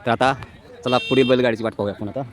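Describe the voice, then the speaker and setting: A man's voice: mid-range voice, rapid-fire. A man giving live commentary at an outdoor race, talking to viewers as friends and repeating "look" again and again. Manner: repeats "look" over and over, excited as carts pass. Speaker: vlogger commentating a bullock cart race. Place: outdoors at a rural bullock cart race. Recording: loud outdoor crowd and noise. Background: loud crowd and noise of a race.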